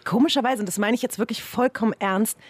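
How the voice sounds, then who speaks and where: A woman's voice: fairly high pitch, quick pace, no room sound. A woman guest chatting casually on a podcast, hungover and self-deprecating. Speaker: guest, radio host.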